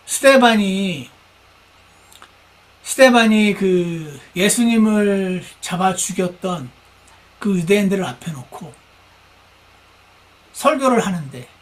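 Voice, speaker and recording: A man preaching a sermon as pastor of a church, animated, acting out the people he describes. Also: sits high. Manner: animated, acts out quoted speakers, mimics shouting.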